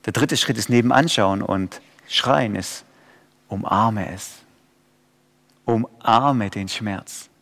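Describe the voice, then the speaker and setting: A man preaching a sermon, dropping to quiet and rising to loud pleading cries. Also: on the low side, slow pace, big-room sound.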